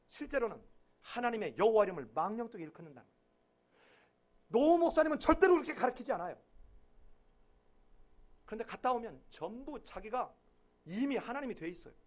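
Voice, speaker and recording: A man preaching a sermon as pastor, acting out quoted voices with sudden loud outbursts and dropping to a murmur at the ends of phrases. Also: very high voice, animated, brisk, pauses often.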